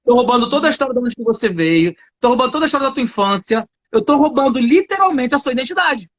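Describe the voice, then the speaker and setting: A Brazilian man teaching English on a live stream, emphatic and full of slang. His voice is very high and bright, with a forceful edge. The recording sounds somewhat dull and lo-fi. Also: animated, fast. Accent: Brazilian Portuguese.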